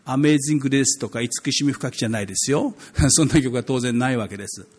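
A man's voice: mid-range voice, fast talker, husky. Chatty male pastor preaching with humor. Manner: conversational, joking, many hesitation fillers. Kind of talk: sermon.

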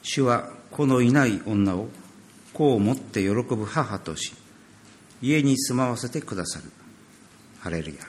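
A man's voice: medium pitch, animated, measured pace, long pauses, a little hiss or hum. A man reading scripture and then leading a prayer in a solemn, earnest manner.

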